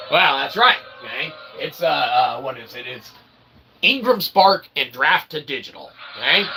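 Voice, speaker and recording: A self-published author who hosts a channel delivers a rambling explanatory monologue to his audience, using wordy, pseudo-academic phrasing and frequent short tag questions to check in. His voice is medium-pitched and creaky, set against a noisy background.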